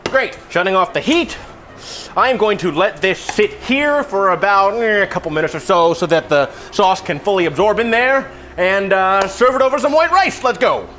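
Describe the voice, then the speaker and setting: A man's voice: sits high, animated, normal speed, a bit bright. A man hosting a casual cooking tutorial in an offhand, self-deprecating, rambling way with trailing asides. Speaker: cooking show host.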